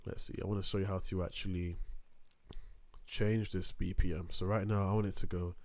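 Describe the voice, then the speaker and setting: A young man with a very low, dry, slightly mellow voice talks fairly quickly with little pitch movement in a dry recording. He's a music production tutor in a casual screen-recorded tutorial, rambling and filler-heavy, cutting himself off and at times turning from his desk mic.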